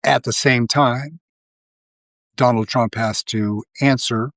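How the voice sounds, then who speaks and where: A man's voice: mid-range voice, fairly even intonation, slow pace, a bit bright, no room sound, clean studio sound. A man hosting a live video, talking through casual commentary, rambling with lots of fillers and restarts. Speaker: livestream host.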